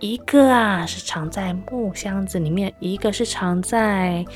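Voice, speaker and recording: A woman's voice: medium pitch, measured pace, faint music behind, close to an everyday voice. A bossy green parrot from a storybook who tattles and scolds, as a woman puts it on. Its delivery is nagging and self-righteous. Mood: sly whisper.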